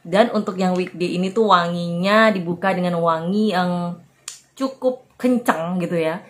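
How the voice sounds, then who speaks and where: A woman's voice: on the low side, a little slow. A young woman hosting a casual perfume review vlog, talking in a chatty, informal way with many fillers. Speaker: perfume reviewer, channel host.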